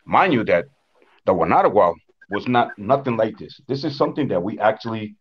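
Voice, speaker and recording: A Honduran man, invited to speak about the Wanaragua dance, gives a conference talk over a video call through his webcam. His fairly low, husky voice is very animated and a little fast, and the audio sounds dull. He tells the history plainly, often saying "uh" and "according to what I understand."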